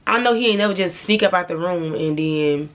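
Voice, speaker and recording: A woman's voice: fairly low pitch, fairly quick. A young woman vlogger telling a dramatic personal story to her viewers, blunt and profane, speaking straight to camera. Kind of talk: storytime vlog.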